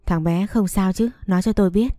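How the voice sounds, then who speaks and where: A woman reading the lines of a sharp-tongued pregnant young wife, cold and cutting. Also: medium pitch, fairly quick, dry recording, studio quality, soft background music, close to an everyday voice. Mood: weak, pleading.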